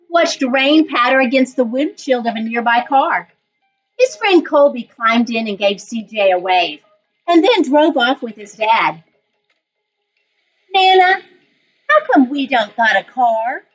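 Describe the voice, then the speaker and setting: A woman reading coach reads a children's story aloud in an expressive, deliberate storytelling style, her voice on the high side. The online recording sounds dull and lo-fi.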